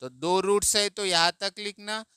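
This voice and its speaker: A man teaching math in Hindi, explaining slowly and patiently, asking and answering his own questions. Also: sits high, fairly even intonation, pushed and bright, smooth, dry recording, studio quality.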